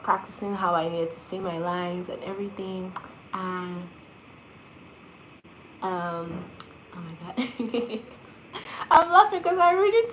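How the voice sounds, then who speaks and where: A young woman, an actress, answers fan questions in a casual vlog, telling her stories in a chatty, animated way full of "like" fillers. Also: lowish voice, slight background noise, poor audio.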